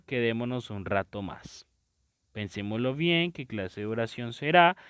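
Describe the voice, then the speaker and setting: Male teacher, patient and explanatory, with a smooth, resonant voice and a dry, close sound. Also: mid-range voice, no room sound. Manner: patient, explanatory, often checks in with "¿cierto?". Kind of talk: recorded video lesson.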